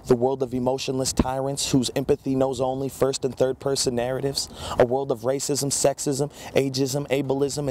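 Spoken word poet, male, thirties, monotone measured reading, outdoor street hum. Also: medium pitch. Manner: steady, measured recitation read from paper. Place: outdoors on a campus plaza.

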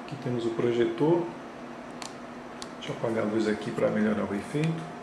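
A flight sim hobbyist with a medium-pitched, gravelly voice talks a bit fast as he shows off his homemade flight panel, calmly and methodically pointing things out in casual show-and-tell narration. He's indoors in his home simulator room, where his voice echoes. Loud fan and engine hum runs underneath the whole recording.

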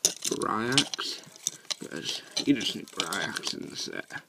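Slow, gravelly man reviewing toys. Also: fairly low pitch, big pitch swings, heavy background noise. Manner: halting, many ums and restarts; handling pieces while talking. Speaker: toy reviewer. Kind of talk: casual product review.

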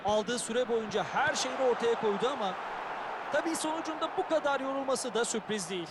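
A man's voice: extremely high pitch, a little fast. A man as a chatty football pundit in a video game, giving wry, conversational analysis. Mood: engaged, analytical. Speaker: football co-commentator. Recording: stadium noise behind.

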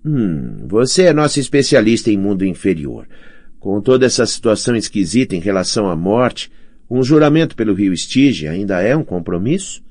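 A man's voice: lowish voice, big pitch swings, moderate pace, a little mellow, no room sound, studio quality, voice pushed up. A man voicing a bold young male demigod in an audiobook, firm and matter-of-fact as he bargains. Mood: earnest. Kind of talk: audiobook character voice.

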